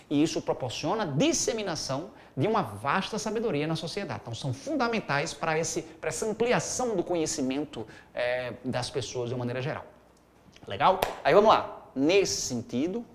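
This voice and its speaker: Animated male teacher. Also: on the high side. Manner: animated, playful asides and exclamations. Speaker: essay-writing teacher. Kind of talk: live class walking through a student essay.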